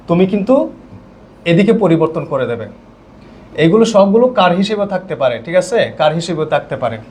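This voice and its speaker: A man's voice: high-pitched, a little mellow. A male teacher with a Bangladeshi Bengali accent, explaining step by step in an online class and often checking that students follow.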